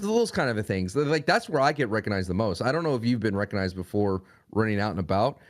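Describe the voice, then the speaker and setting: A man's voice: fairly low pitch, sing-song, quick pace. A young man talking as a podcast guest in a rambling, casual way. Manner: rambling, frequent restarts and fillers.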